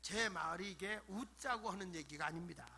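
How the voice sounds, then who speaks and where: A middle-aged male pastor preaching a Friday night revival sermon, playfully acting out wheedling prayers and swinging from soft murmurs to shouted bursts. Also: high voice, moderate pace, gravelly, husky.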